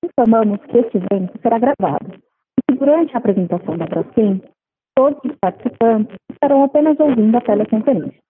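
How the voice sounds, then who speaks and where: A woman's voice: fairly high pitch, animated, fairly quick, a little hiss or hum. A woman with a Brazilian accent reads a scripted conference call announcement as an operator, in a polite, formal customer service voice. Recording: muffled lo-fi conference phone line.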